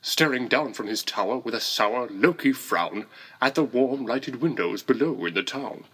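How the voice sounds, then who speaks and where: Animated man reading a rhymed story. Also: medium pitch, normal speed, slightly rough. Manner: playful, sing-song rhyming delivery.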